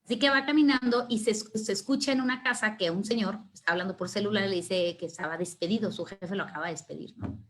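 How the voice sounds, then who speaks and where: A middle-aged woman, a former kindergarten teacher, telling a story in a lively, conversational way. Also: medium pitch, fast. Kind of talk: storytelling talk.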